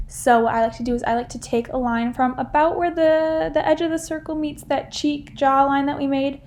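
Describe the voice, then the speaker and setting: A woman's voice: on the high side, a little mellow. A young woman hosting a casual step-by-step drawing lesson, chatty and playful, with lots of "like" and "um". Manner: chatty and playful, many fillers like "like" and "um". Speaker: drawing tutorial host.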